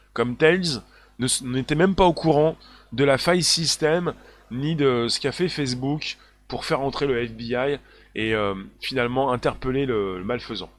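A livestream host with a medium-pitched, slightly bright voice reads out viewer comments, speaking emphatically, repeating himself, and using lots of fillers.

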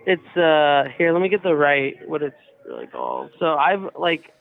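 On a tinny, narrow phone line, a young hotel employee chats casually, hesitating and leaning on filler words in an informal manner. His voice is a little high and gravelly, with wildly swooping pitch at normal speed.

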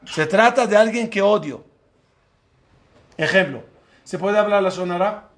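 A man's voice: high voice, a little slow, a bit bright. A man, a rabbi, giving a Torah lesson to a class, putting questions to his listeners and acting out the dialogue in the stories he tells. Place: room with a live class.

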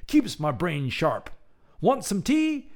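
A man's voice: high voice, wildly swooping pitch, takes it slowly, voice pushed up, full character voice. A man voicing a sprightly, eccentric old woman in a storybook, exuberant and welcoming as a hostess. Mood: spry, cheerful. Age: older. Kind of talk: storybook character voice.

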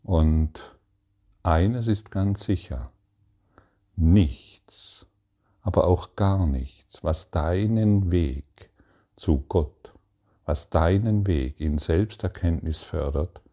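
A man giving a calm, meditative spiritual talk, speaking to the listener directly and asking probing questions in halting phrases. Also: low-pitched. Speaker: spiritual teacher.

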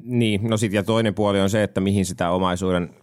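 A man with a very low voice talks through policy points in a relaxed, analytical way. He thinks out loud, filling gaps with small verbal fillers. The sound is close and dry. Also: dry recording. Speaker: discussion participant. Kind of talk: casual policy discussion.

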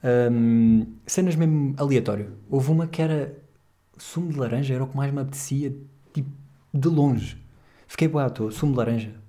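Speaking at a moderate pace with a dark, medium-pitched voice, a young European Portuguese podcast host chats casually, wandering between topics and dropping slang and jokes.

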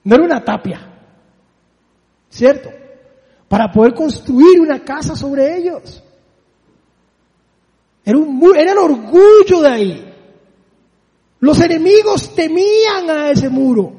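A man with a strikingly high voice delivers a sermon, pressing his listeners with rhetorical questions. His words ring out with the long reverb of a large hall. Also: animated, slow pace, pauses often, dark tone. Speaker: preacher.

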